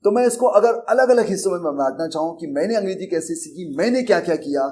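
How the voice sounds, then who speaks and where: A man's voice: high-pitched, animated, fast talker, darkish tone. A middle-aged man with an Indian accent, speaking earnestly and conversationally as he teaches, mixing English terms into Hindi and often repeating himself. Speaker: English teacher and coaching institute founder. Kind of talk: Hindi lecture on learning English.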